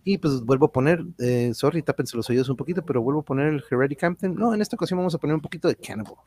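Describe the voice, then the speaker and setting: A man's voice: a little high, animated, rapid-fire, heavy background noise. A man with a Mexican accent hosting a livestream, chatting informally with viewers in a rambling, slangy way. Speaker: livestream host. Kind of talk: casual chat with viewers.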